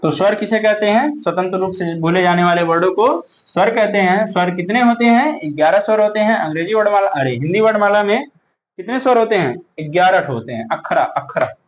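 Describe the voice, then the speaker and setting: A man from India teaching a class, slowly dictating notes and repeating words, asking questions and answering them himself. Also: sits high, lively intonation.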